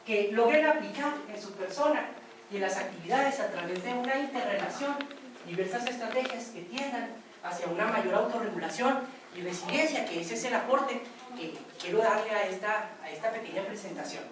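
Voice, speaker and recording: A woman's voice: mid-range voice, expressive, moderate pace, background noise. A woman giving a workshop lecture to students, chatty and often checking with her listeners. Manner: conversational, asks for confirmation. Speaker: workshop instructor. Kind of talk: classroom lecture with storytelling. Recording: very echoey room from a distance.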